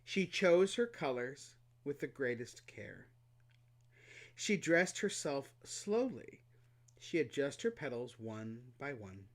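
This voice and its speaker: Expressive male storybook reader, lively pitch, animated and playful. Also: slow pace. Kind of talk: reading a storybook aloud.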